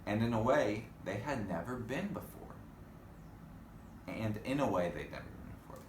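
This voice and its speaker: This storybook reader has a lowish voice with lively intonation and keeps a moderate pace. He reads expressively to children, adding chatty remarks for them, and the echoey room carries faint background noise.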